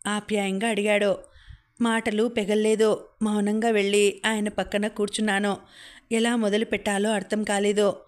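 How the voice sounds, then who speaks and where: A woman narrating a novel in the first person as an audiobook reader, with steady, measured storytelling. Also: medium pitch.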